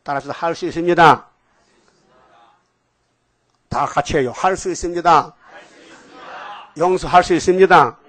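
Lively scolding male pastor, dry sound. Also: on the high side, normal speed, pauses often, no echo, a faint crowd. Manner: scolding, with rhetorical questions and call-and-response. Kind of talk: preaching a sermon to a congregation.

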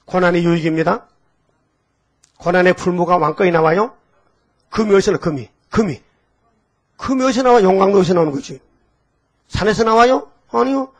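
A man's voice: high voice, normal speed, pauses often. An older pastor, preaching in a folksy storytelling way, quizzing his congregation and leading them in repeated readings. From Gyeongsang province, Korea. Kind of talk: sermon.

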